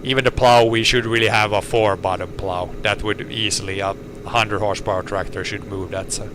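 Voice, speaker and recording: Behind this speaker there's a steady, clear hum of engine and air conditioning, since he's talking from a tractor cab during a casual chat while tractoring. A relaxed organic farmer from Finland, a native Swedish speaker, he has a slightly low voice and halts often, restarting his phrases.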